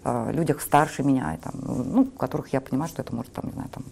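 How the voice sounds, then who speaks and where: A woman in her forties from Saint Petersburg, chatting bluntly and quickly as a guest in a TV studio interview, swearing freely. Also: very deep voice, vocal fry, a little mellow, breathy edge. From Saint Petersburg, Russia. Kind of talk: casual TV interview chat.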